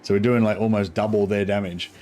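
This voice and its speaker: A man's voice: on the low side, fairly even intonation, a little fast, a little mellow. A man with a broad New Zealand accent giving casual gameplay commentary in a laid-back, sweary, rambling way. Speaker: gaming streamer.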